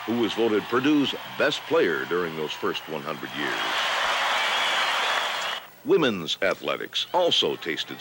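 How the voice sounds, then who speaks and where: A man with a voice on the low side narrates a university newsreel from a script in year-in-review fashion. Loud background music runs under his voice, along with background noise.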